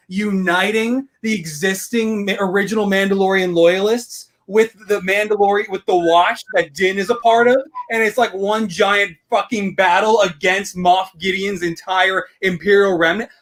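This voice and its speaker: A man's voice: high voice, fairly even intonation, moderate pace, hardly any pauses, fairly bright tone. A man co-hosting a podcast from home, chatting eagerly and animatedly and saying "bro" and "dude" a lot. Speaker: podcast co-host. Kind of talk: excited casual chat.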